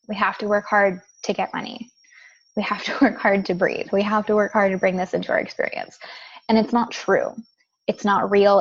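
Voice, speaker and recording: A woman's voice: medium pitch, dull audio. Earnest woman teaching about abundance. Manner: earnest, repetitive, occasional light laughs. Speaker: manifestation coach. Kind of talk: spiritual teaching monologue.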